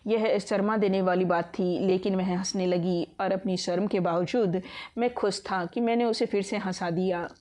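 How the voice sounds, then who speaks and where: A woman narrating a romance novel as an audiobook. Her storytelling is steady and emotive. Her pitch sits in an ordinary middle range. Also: normal speed.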